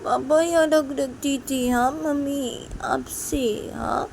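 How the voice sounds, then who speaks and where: Woman doing a whining small girl, slow and high; amateur story voice. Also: steady tone, darkish tone, a little hiss or hum. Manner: slow, whining, repeating herself. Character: little girl, whiny and hurt.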